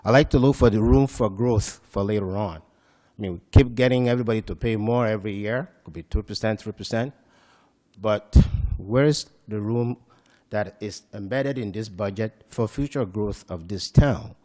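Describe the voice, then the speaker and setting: Low-voiced man hesitantly questioning council. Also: moderate pace, dark tone. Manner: hesitant, many fillers, questioning. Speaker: citizen speaking at council meeting. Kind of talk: public comment at town meeting. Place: council chamber.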